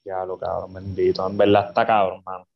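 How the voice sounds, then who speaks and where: A man's voice: low voice, little pitch movement, fairly quick, gravelly. A man with a Puerto Rican accent co-hosting a casual podcast, swearing constantly and talking emotionally. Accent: Puerto Rican Spanish. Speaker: podcast co-host. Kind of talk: casual chat. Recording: slightly dull lo-fi audio.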